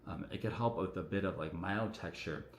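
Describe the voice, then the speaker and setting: A man, a doctor, answering viewer questions on a casual livestream in a relaxed, chatty way full of fillers, his voice echoing around the room. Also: deep voice, brisk, slight background noise. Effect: echoing room sound on the stream. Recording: echoey room audio on a livestream.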